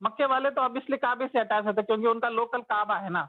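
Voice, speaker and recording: A man with a fairly high voice teaches religion as casual conversation. He tells the story as he goes and now and then acts out the complaints of the people in it. The sound is dry and tinny, like a phone call. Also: steady tone, a little fast, no room sound. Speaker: Islamic teacher.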